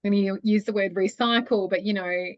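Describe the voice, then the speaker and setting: A woman's voice: mid-range voice, steady tone, fairly quick. A woman yoga teacher trainer talking in a group video call, rambling and encouraging with lots of fillers, over a muffled bad connection. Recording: dull lo-fi video call audio.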